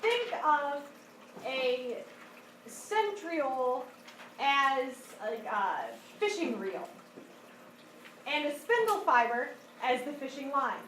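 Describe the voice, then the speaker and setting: High-pitched woman teaching in an echoey classroom. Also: very animated, slow pace, pauses often, fairly bright tone. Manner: explanatory, checks understanding often. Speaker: high school biology teacher. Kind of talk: interactive classroom lesson. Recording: echoey classroom, distant mic, background noise.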